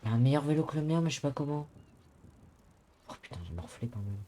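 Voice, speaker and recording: Man acting a mellow English-accented fellow, hesitant broken French. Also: medium pitch, lively intonation, quick pace, a little hiss or hum, natural voice. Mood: plaintive, chatty. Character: mild, worried, clumsy Englishman living in a city, speaking some French. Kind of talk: improvised online role-play.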